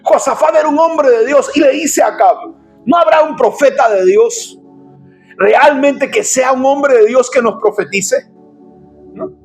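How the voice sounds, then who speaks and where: A man preaching an impassioned sermon as pastor, often shouting and addressing listeners as brother. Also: extremely high pitch, unhurried, faint music behind. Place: church.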